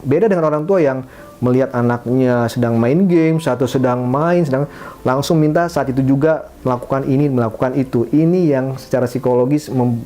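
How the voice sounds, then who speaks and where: A man's voice: mid-range voice, dark tone. A middle-aged man, a hypnotherapist, giving a parenting advice lesson with frequent fillers and restarts. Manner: fillers and restarts, acts out example phrases. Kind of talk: talking-head advice lesson.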